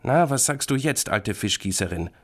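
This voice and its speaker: A man voicing a small, stubborn, easily scared boy in a children's story, high and whiny. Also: big pitch swings, normal speed, a little mellow. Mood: anxious.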